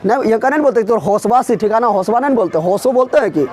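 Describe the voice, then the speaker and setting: High-voiced teacher drilling grammar. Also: male voice, expressive, quick pace, darkish tone. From Bihar. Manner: drilling, asks students rhetorical questions and teases them. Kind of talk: exam-prep grammar lesson.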